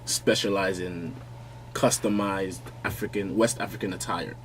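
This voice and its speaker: This is casual podcast talk from a young guest fashion designer, born in Nigeria and based in London. Relaxed and halting, he restarts his sentences a lot and laughs easily, his voice on the low side. He's at an arm-mounted studio mic wearing headphones in a small studio, with a faint noise floor audible.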